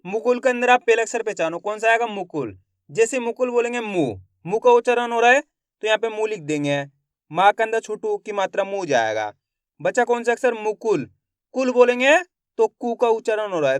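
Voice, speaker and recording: High-voiced man spelling out words slowly. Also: smooth, dry recording. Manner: slow, drawn-out spelling of syllables, repeating each word. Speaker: Hindi writing teacher. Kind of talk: syllable-by-syllable spelling lesson.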